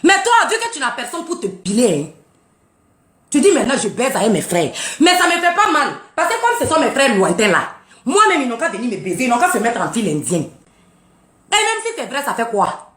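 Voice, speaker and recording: A woman's voice: high-pitched, wildly swooping pitch, brisk, a bit bright. A woman ranting on a live stream, mocking and taunting with frequent laughter and boasting. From Burkina Faso. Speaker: live social media streamer. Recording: roomy echo.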